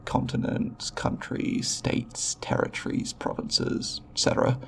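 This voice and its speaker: A roleplay voice performer plays a timid, scholarly alien researcher in ASMR, speaking haltingly and politely in formal scientific language with a creaky voice. He sounds puzzled and inquiring; the voice is natural and a bit bright, with a little hiss or hum.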